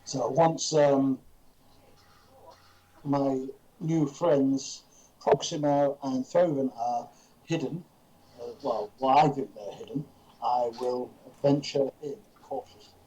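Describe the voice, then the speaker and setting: A man's voice: mid-range voice, steady tone, takes it slowly, warm tone, slight background noise. A man playing a tabletop game, thinking aloud as he decides his moves. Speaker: player. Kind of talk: casual tabletop game chat. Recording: dull lo-fi stream audio.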